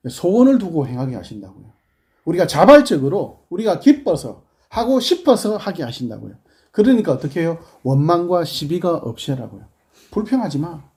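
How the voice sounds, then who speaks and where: A male pastor with a Busan accent preaching a sermon, swinging from hushed prayerful murmurs to loud scolding questions. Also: on the high side, very animated, normal speed. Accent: Busan Gyeongsang Korean.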